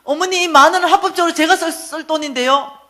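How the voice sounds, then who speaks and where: A woman's voice: very high-pitched, quick pace, pushed and bright, voice pushed up. A woman voicing her stubborn young son, whiny and tearful as he pleads. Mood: insistent.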